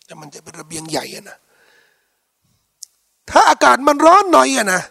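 A man preaching an Islamic lecture, telling the story in a colloquial, animated way and putting rhetorical questions to his listeners. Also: extremely high pitch, moderate pace, gravelly.

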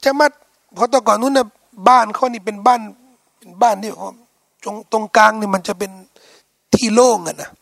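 A man preaching an Islamic lecture, telling the story in a colloquial, animated way and putting rhetorical questions to his listeners. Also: high-pitched, moderate pace, gravelly, no echo, clean studio sound.

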